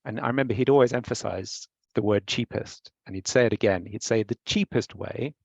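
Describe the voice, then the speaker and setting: A man who heads a company, explaining a training method in measured way during a panel discussion over what sounds like an online call. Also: on the low side, creaky, a little mellow, no echo. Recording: dry, dull lo-fi sound.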